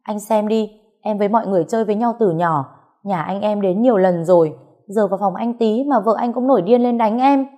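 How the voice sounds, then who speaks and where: A woman voicing a spiteful young female rival who whines and accuses in a shrill, raised voice. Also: a little fast, mellow, natural voice. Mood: whining tearful.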